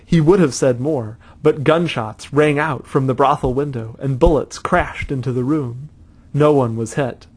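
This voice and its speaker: Guy reading a story out, steady and measured, mid pitch. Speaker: narrator. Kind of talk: scripted story narration.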